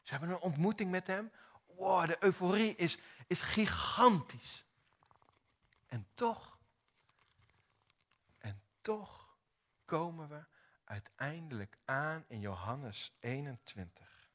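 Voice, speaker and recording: A man preaching a sermon, retelling a story dramatically with lively acted-out dialogue. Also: a little high, slow pace, pauses often.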